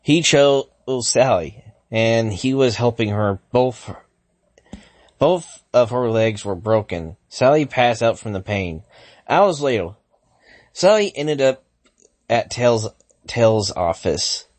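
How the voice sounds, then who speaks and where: A man reads fan fiction aloud at a slow, halting pace, often tripping over words and starting lines again. Now and then he breaks off to react to what he is reading. His voice sits in a middle register, recorded dry and close. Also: mid-range voice, lively intonation, a little mellow, dry recording. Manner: stumbling, frequent self-corrections and restarts; thinks aloud, stops to react to the text. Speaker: fanfiction reader.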